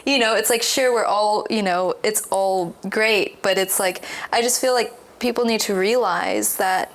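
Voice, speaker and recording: A woman guest on a podcast, a little hoarse, talking in a rambling, animated way with lots of restarts and fillers. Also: medium pitch, unhurried, low-quality recording. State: hoarse, losing her voice. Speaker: podcast guest, visual artist. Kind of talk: casual conversational interview.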